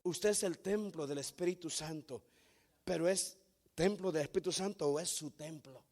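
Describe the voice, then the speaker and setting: Brief: a male pastor, high-pitched, storytelling sermon style with emphatic crescendos. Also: normal speed. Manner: storytelling preacher, repeats "hermano", builds to loud emphatic peaks. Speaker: founding pastor.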